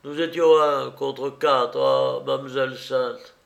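A man voicing a loyal, rough peasant beadle who fights for the king, speaking loudly and earnestly in a rustic way. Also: mid-range voice, steady tone, slow pace. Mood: weary pleading.

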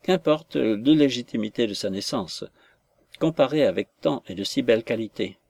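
A gentle, distressed young woman, voiced by a male reader, speaks from the pages of an audiobook. Her delivery is tender and pleading, a heroine pressed hard, read in a medium-pitched voice. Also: expressive, moderate pace, gravelly, no room sound.

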